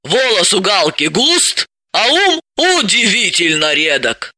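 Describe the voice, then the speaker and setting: A man's voice: high voice, huge pitch swings, slow pace, pushed and bright, no room sound, heavily acted. A man reading an audiobook, voicing a bossy, sardonic woman psychoanalyst who gives orders and mocks. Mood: mocking.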